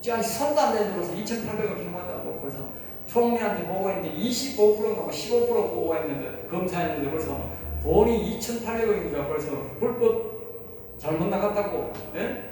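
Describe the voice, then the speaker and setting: A male pastor delivers an insistent sermon, repeating his phrases and firing rhetorical questions at the room. His voice sits high for a man. He is heard from off the mic, with long echo filling the church hall. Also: expressive, a little fast, warm tone, slight background noise. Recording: echoey hall, voice heard from far off.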